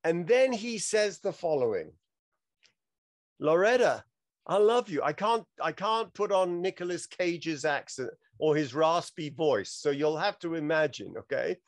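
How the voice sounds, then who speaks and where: A man's voice: on the high side, animated, normal speed, few pauses. A man giving a reflective lecture on religious texts, weaving in quotes from literature and film. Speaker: teacher.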